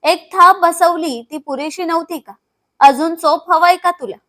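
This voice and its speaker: A domineering old patriarch barks scornful orders at his family, read by a woman narrator in her own high voice. He speaks with cold, bullying contempt. The voice stays bright and high for a man. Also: unhurried. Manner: barking, scornful. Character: harsh older male household tyrant.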